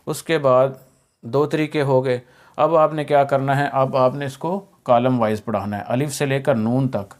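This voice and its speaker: Man, Pakistani Urdu accent, Quran teacher, instructional lesson, patient, repetitive, slow drawn-out letter sounds, mid-pitched voice. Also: steady tone.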